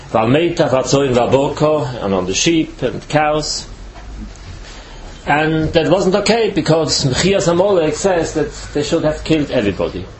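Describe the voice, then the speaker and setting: Speaking English as a second language, a rabbi from Switzerland gives a Torah lecture slowly and carefully, with frequent hesitations. His voice sits on the high side, and the recording is rough.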